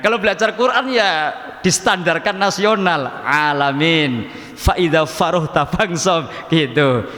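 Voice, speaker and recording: A man's voice: on the high side, fairly bright tone. A man giving a religious lesson at a mosque study group, chatty, often addressing the audience and mimicking regional pronunciations. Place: mosque hall. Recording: echoey mosque hall reverb.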